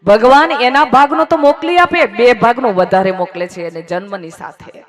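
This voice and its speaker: A man giving a devotional storytelling sermon, his speech swelling loud and then dropping almost to a whisper, and repeating phrases in rhythmic lists. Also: very high-pitched, normal speed. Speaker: katha storyteller.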